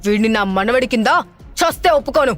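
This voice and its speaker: A woman voicing an angry, proud older father who talks harshly and shouts, in an audio drama with faint music behind. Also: on the high side, expressive, fairly quick.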